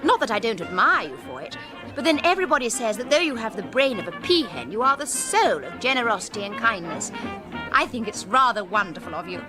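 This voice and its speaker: An actress playing an imperious, high-minded young upper-class English lady novelist in a comic radio drama, precise and commanding. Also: sing-song, fairly quick, music in the background. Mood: brisk, haughty.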